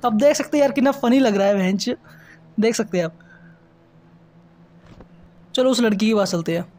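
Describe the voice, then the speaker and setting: A man hosting casual mobile gameplay commentary, chatty and excited, exclaiming at what happens on screen. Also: sits high, normal speed. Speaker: mobile gaming channel host. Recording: game sounds under the voice.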